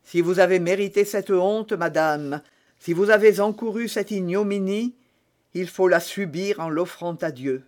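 A man reading an audiobook voices a stern, devout soldier guard who speaks gravely and solemnly. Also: high voice, measured pace, darkish tone. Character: stern, pious young male soldier guard.

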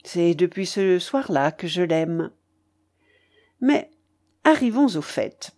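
This literary audiobook is narrated by a woman with a fairly low voice. She tells the story in a measured, expressive way.

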